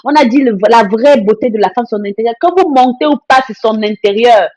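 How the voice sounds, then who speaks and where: A woman's voice: fairly high pitch, fairly quick, a little mellow. Blunt, emphatic woman talking live. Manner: blunt, emphatic, repetitive phrasing; reads and greets viewer comments. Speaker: live stream host. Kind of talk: casual live-stream monologue.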